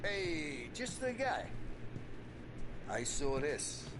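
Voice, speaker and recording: Gruff old mobster gun guy, bouncy pitch, noisy game sound. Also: big pitch swings, extremely slow, full character voice. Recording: game audio with loud background noise.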